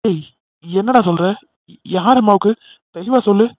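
A man's voice: high voice, normal speed, a little mellow, no room sound, soft background music. A man voicing a worried, protective young man in an amateur cartoon, talking earnestly and pleading. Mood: anxious. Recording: dry, slightly dull lo-fi recording.

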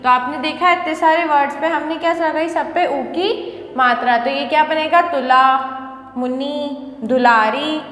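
Woman teacher, high voice, slow and patient, echoey room with long reverb. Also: fairly bright tone. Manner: slow, patient, sounding out syllables; asks and answers her own questions. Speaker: school teacher. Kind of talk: online lesson for young children.

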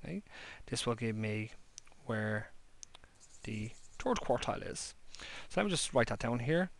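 A maths lecturer with a gravelly, medium-pitched voice and lively intonation speaks unhurriedly as he draws on paper at his desk. He explains each step of his handwritten whiteboard-style lesson plainly, recorded by an overhead camera.

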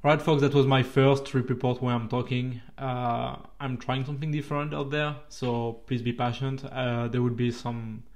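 Man, French accent, native French speaker, mid-pitched voice, casual trip-report narration, chatty, a bit halting. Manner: relaxed, chatty, slightly halting. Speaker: railway vlogger.

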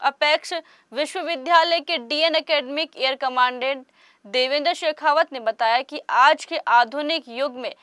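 Bright, high-voiced woman reading the news. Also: moderate pace, no room sound, clean studio sound. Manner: formal, even reading. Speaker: news narrator. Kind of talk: scripted news voice-over.

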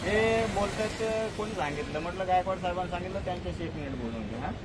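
A man's voice: high voice, quick pace, a crowd in the background. A man, a municipal survey official, explaining the situation in a hesitant, stumbling way during a phone call outdoors. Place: outdoors on a street. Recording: noisy street recording.

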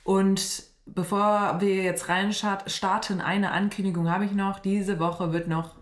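A woman's voice: mid-range voice, flat delivery, slow. A young woman reacting to a reality show from a small studio, chatty and blunt with sarcastic slang. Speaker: reaction streamer. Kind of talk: casual reaction commentary. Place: small decorated studio room. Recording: roomy echo.

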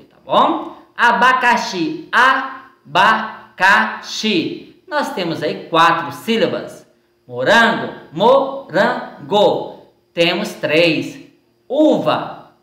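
Slow, patient Brazilian woman teacher. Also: lowish voice, fairly bright tone. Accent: Brazilian Portuguese. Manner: slow and patient, stretching words out syllable by syllable. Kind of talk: recorded lesson going over exercises. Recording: echoey room sound.

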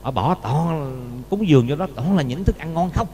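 A Buddhist monk gives a dharma talk, telling a story and often asking the listeners rhetorical questions. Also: male voice, a little high, lively intonation, normal speed, darkish tone. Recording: long reverb with faint hum.

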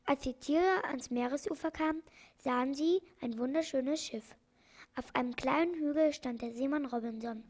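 A woman narrating a children's audiobook in a calm, clear read-aloud manner. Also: sits high, normal speed. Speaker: audiobook reader.

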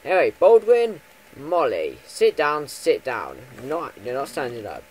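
Rambling gamer with a lively, swinging voice. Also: male voice, a little slow, a little hiss or hum, low-quality recording. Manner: rambling, chatty, with lots of ums and self-corrections; swings from loud bursts to low mumbles. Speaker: gaming YouTuber. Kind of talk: Minecraft let's play commentary.

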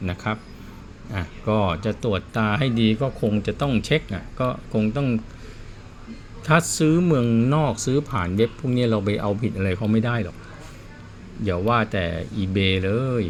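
With a voice on the low side, a watch repairman chats casually while he works, a plain-spoken storyteller offering casual explanations. Slight background noise is present.

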